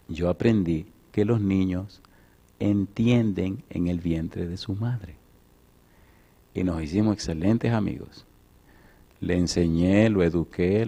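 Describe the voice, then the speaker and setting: Lay preacher in storytelling mode. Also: male voice, sits low. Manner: animated, swings from loud emphatic lines to soft storytelling. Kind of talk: sermon with personal storytelling.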